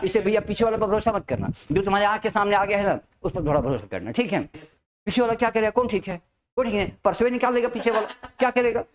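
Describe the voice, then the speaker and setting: A man teaching spoken English to a class, mixing Hindi and English, stretching out key English phrases slowly and often asking whether his students understand. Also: sits high. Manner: lively, drawn-out emphatic English phrases, checks understanding often.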